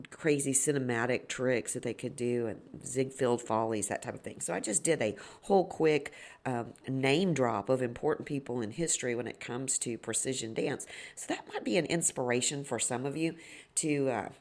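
A woman with a gravelly, slightly sniffly, hoarse voice, hosting a solo podcast and explaining things reflectively as an educator. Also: rumbling low, darkish tone. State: hoarse and slightly sniffly after a long day of judging. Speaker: podcast host and dance educator. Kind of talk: solo podcast talk, informal teaching.

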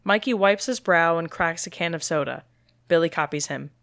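A woman with a fairly low voice reads a screenplay's stage directions in a steady, matter-of-fact way. The sound is dry and close, with little room around it. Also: moderate pace, dry recording. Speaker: script reader.

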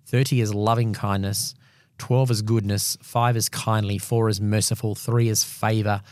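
A man co-hosting a podcast, talking quickly through Bible passages in casual chat with restarts. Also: on the low side, little pitch movement, a little mellow, no echo, clean studio sound. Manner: quick, thinking aloud with restarts. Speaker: podcast co-host.

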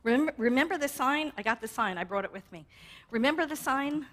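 Conversational woman minister, lightly high voice. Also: lively intonation, fast talker. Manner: warm, conversational, with frequent laughs and "right?" asides. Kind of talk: sermon.

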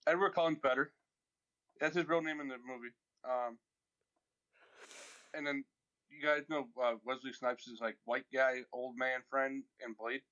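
A man chatting casually with friends, halting and deadpan with many fillers. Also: mid-range voice, lo-fi sound. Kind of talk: casual chat.

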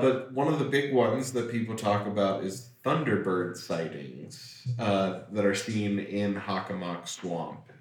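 Slow, low-voiced man in an echoey room. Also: recorded from a distance. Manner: joking, laughs often, presents notes on local lore. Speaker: podcast co-host. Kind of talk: casual chat.

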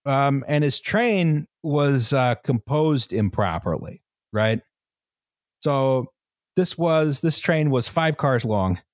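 A man's voice: mid-range voice, animated, slow, dry recording, studio quality. A man hosting a casual history podcast, explaining at length with many fillers and checks of "right?". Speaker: podcast host presenting the history.

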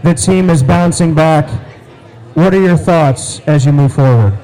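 A man's voice: a little high, unhurried, warm tone, some chatter behind, rough recording. An American man hosting a live sports show, bantering and announcing emphatically in casual talk.

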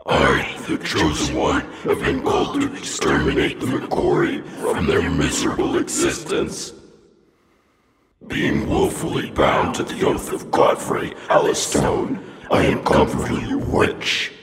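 A man voicing a cruel male demon lord with a deep, gravelly growl, slow and booming. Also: huge pitch swings, big-room sound, exaggerated voice. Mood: threatening.

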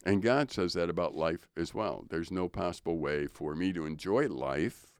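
This relaxed radio-studio podcast features an older co-host whose very deep, low voice has a clean tone. He considers questions of faith thoughtfully and without hurry, with a mildly preachy quality. The sound is intimate and dry, with no echo.

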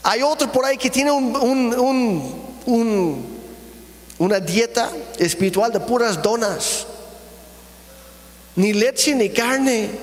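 A man's voice: high-pitched, fairly bright tone, long reverb tail. A man preaching a sermon in earnest, emphatic style, asking his congregation rhetorical questions. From not from here, speaks with an accent. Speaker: pastor. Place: church auditorium.

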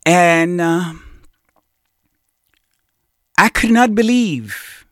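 Slow, emotional host speaking like a preacher. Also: medium pitch, animated, no room sound, studio quality. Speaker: show host. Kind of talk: emotional heartfelt monologue.

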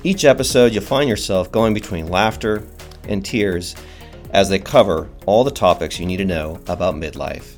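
A man reading a scripted podcast intro as announcer, with smooth announcer delivery. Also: low-pitched, moderate pace. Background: faint music.

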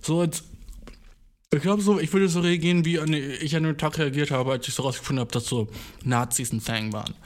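A man's voice: a little high, fairly quick. A young man, hosting a podcast and telling a story in casual, slangy speech, swearing freely and mixing in English words. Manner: animated, jumps into exaggerated voices. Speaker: podcast host.

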